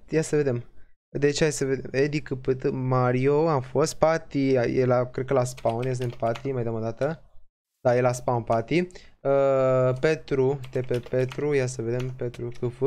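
A young man from Romania giving casual, excitable let's-play commentary, laughing often and restarting his sentences. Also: mid-range voice. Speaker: gaming YouTuber.

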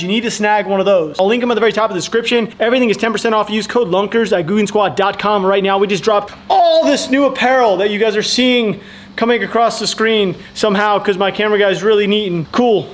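A young man hosting a fishing video, enthusiastically pitching tackle bags to the camera in a garage. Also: noisy background. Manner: enthusiastic, rapid salesy talk. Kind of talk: casual product pitch to camera. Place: indoor garage tackle room.

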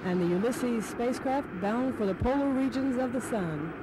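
Woman announcing a launch through loud noise. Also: on the high side. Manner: formal, measured announcing. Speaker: launch commentator. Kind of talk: live launch countdown commentary.

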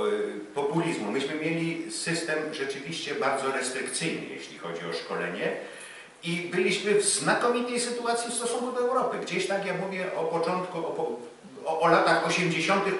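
A middle-aged man lectures from beside a slide screen, pausing often on filler sounds as he gestures toward the slides. His voice sits at an ordinary pitch and is picked up from some distance away. The lecture room around him is very echoey, with a faint background hiss. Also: fairly bright tone. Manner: talks with many fillers, gesturing and pointing at the screen. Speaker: lecturer on sailing qualifications. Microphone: far camera, no visible mic.

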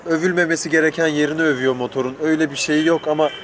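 A man's voice: fairly high pitch, steady tone, very fast, a bit bright. A man hosting a casual chat interview, talking in a joking, teasing way. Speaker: host interviewer. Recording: clear outdoor traffic and vehicle noise. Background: urban outdoor ambience with vehicles.

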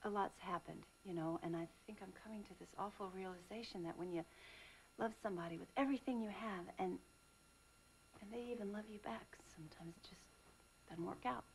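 A woman's voice: mid-range voice, brisk, lightly acted. An actress playing a bubbly, chatty woman friend in a soap opera, gushing and stammering, on a noisy tape. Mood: earnest. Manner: gushing, emphatic, stammering restarts.

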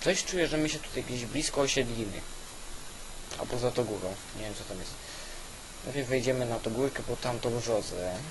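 A man giving casual, halting gameplay commentary, thinking aloud as host on an old weak microphone. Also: mid-range voice. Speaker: gaming video host. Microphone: old cheap weak microphone. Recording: constant hiss from weak microphone.

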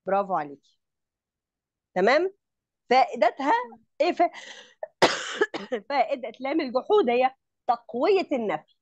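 A woman's voice: high voice, sing-song, normal speed, long pauses, dry recording, lo-fi sound. A woman with an Egyptian Arabic accent teaching grammar in an online lesson, explaining step by step and often checking that her student understands.

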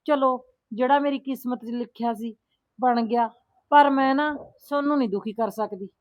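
A woman's voice: fairly high pitch, normal speed, dry recording, close to an everyday voice. A young woman playing a distressed married daughter who pleads tearfully about her in-laws in a rural family drama. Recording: thin phone-like sound.

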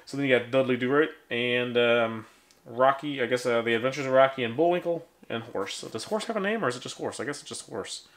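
A man's voice: mid-range voice, brisk, a bit bright. A man in his thirties casually talking through a box of vintage toys as host of his collecting channel, rambling and joking at his own expense with lots of ums. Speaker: toy collector vlogger. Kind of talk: casual unboxing chat. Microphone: handheld camera, then on a tripod. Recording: faint background noise.

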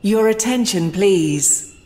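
A woman making formal, measured train announcements over a station PA system. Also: medium pitch, expressive, a little hiss or hum. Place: train station platform in a game. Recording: echoey station hall loudspeaker with long reverb.

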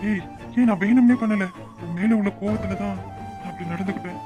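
A man's voice: sits high, fairly quick, over music, close to an everyday voice. A man voicing a young cartoon husband, hot-tempered, brooding over his feelings and possessive. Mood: pleading.

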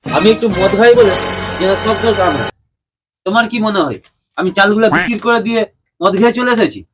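A man's voice: high-pitched, expressive, fairly quick, music in the background. A man playing a sly, self-justifying drinker in a village comedy skit, sounding aggrieved. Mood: aggrieved, defensive. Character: defensive, sly village drinker who sells household rice.

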